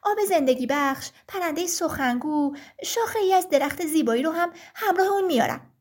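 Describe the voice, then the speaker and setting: A woman voicing a young boy who is eager and quick-tempered and who grows shaky when scared. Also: high-pitched, expressive. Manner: eager, shaky, frightened when facing danger.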